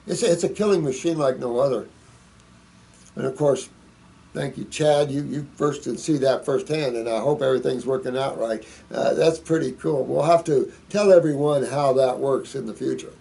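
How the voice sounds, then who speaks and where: A man's voice: mid-range voice, normal speed, creaky, dark tone. A man hosting a question-and-answer show, giving folksy, rambling, preachy advice as he reads out and answers viewer questions. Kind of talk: casual monologue answering read-out questions.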